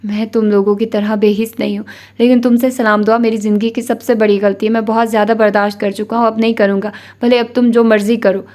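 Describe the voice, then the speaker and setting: A woman's voice: mid-range voice, level tone, few pauses, a little mellow, natural voice. A woman voicing a young man who scolds harshly and dismissively in a novel reading. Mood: angry.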